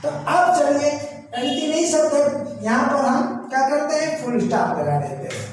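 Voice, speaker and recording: A man's voice: very high voice, expressive, normal speed, recorded from a distance, slight background noise. A man teaching an English grammar lesson, asking his students questions and answering them himself, often checking that they follow. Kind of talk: classroom-style grammar lesson. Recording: very echoey room, voice from away from the mic.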